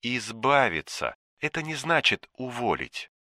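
A man voicing a cold, menacing male official on the phone, speaking quietly and slowly with contempt. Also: medium pitch, big pitch swings, no echo, clean studio sound, voice pushed up, full character voice. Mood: contemptuous. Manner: quiet, contemptuous, slow and deliberate. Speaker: shadowy superior giving orders.

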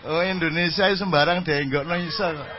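A man's voice: fairly high pitch, steady tone, moderate pace, lo-fi sound, noisy background. A man with an East Javanese accent telling humorous stories at a religious gathering, self-mocking and slipping into Javanese. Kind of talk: humorous storytelling talk.

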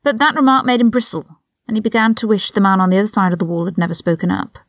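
A woman narrating a story aloud in a steady, measured way. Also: mid-range voice, dry recording, clean studio sound. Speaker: podfic reader. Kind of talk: scripted narration.

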